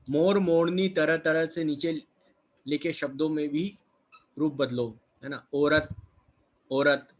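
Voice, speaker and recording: Guy teaching kids a textbook chapter, kinda high voice, keeps asking then answering, lots of little check-ins. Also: fairly bright tone. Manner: asks questions then answers them, repeats words with "है ना" and "ठीक है". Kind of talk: explaining a textbook lesson.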